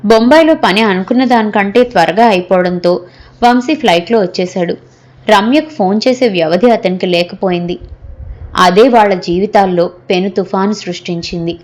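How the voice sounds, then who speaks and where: A woman narrating a serialized audio novel in a steady, even storytelling manner. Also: medium pitch, normal speed.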